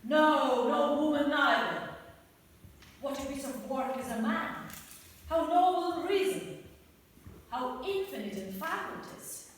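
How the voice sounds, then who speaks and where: A mock-tragic young Hamlet, played by a woman, who declaims his gloom with comic grandeur in a high voice. The recording comes from well back in an echoey hall, with a long tail on every word and faint hiss beneath. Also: lively intonation, measured pace, long pauses, recorded from a distance. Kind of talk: amateur comic radio play acting.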